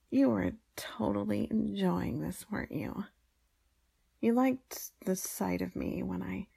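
Woman acting a husky, creaky-voiced grudging maid. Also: mid-range voice, dark tone, exaggerated voice. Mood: smug, teasing. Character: grudging, teasing adult woman in a maid costume. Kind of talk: intimate first-person audio role-play.

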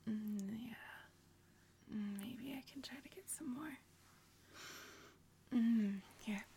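Young woman, mostly whispered and intimate, slightly high, gravelly fry, unhurried ASMR delivery. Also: a little hiss or hum. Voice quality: mostly whispered, soft and intimate, with gentle hums. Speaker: roleplaying a pregnant wife.

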